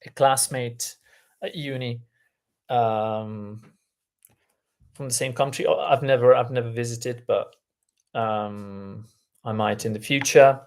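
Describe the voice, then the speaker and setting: A native Italian-speaking man coaches during a live-stream lesson, reading the chat aloud at an unhurried pace with plenty of ums and restarts. His voice sits in the mid range with fairly even intonation.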